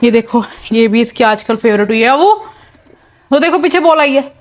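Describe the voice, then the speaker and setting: Chatty high-voiced young mom vlogging. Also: female voice, brisk. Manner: chatty, mixes English into Hindi, talks to her child between lines. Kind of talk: casual home vlog chat. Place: home, indoors, while cleaning floors.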